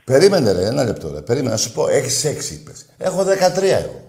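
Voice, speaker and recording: A man hosting a call-in radio show, combative and insulting toward callers, swinging between loud outbursts and low muttering. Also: wildly swooping pitch, echoey room. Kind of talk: heated call-in show banter.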